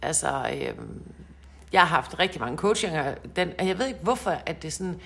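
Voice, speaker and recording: A woman's voice: lowish voice, animated, a bit bright. A woman co-hosting a casual podcast chat, a coach who talks in a chatty, laughing way and often repeats words.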